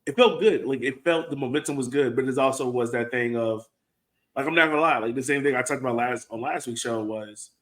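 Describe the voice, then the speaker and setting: An American man, a soccer supporter co-hosting a soccer podcast, thinks aloud in casual, conversational sports chat full of "like." His mid-range voice is fairly bright and fairly quick.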